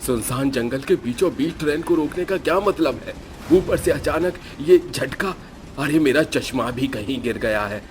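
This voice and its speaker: A man plays a worried middle-aged father in a cartoon horror story. He frets and exclaims in a mid-pitched voice. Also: animated, normal speed, a little hiss or hum, lightly acted. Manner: fretful, exclaiming.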